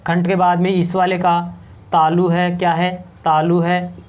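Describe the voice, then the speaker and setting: A man's voice: sits high, monotone, unhurried, darkish tone. A male teacher gives a patient, step-by-step board lecture. He goes over each point more than once and keeps asking his students questions before answering them himself. The faint scratch of a marker on a board runs behind him. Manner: repeats points and asks rhetorical questions. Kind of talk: whiteboard lecture.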